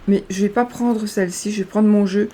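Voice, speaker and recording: A woman's voice: medium pitch, fairly even intonation, fairly quick, dark tone, a little hiss or hum. A woman reading fortune cards aloud in a casual tutorial, hesitant and stumbling over her words. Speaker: card reader.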